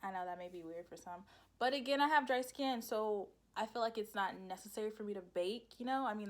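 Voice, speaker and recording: A young woman, chatting casually through a makeup tutorial, rambling and laughing at her own slips. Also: mid-range voice. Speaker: beauty vlogger.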